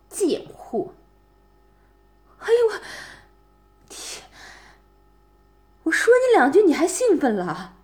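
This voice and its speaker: A woman with a high voice puts on a full character voice to play a disdainful young woman mockingly berating her ex-boyfriend in a one-voice audio roleplay. It's sneering, insulting, and profane, with constant taunts of "啊？".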